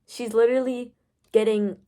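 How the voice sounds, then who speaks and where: A woman's voice: on the high side, little pitch movement, moderate pace, heavy background noise. A young woman giving a casual, profane rant about a book plot, packed with "like" fillers. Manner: profane, filler-heavy storytelling. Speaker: book vlogger.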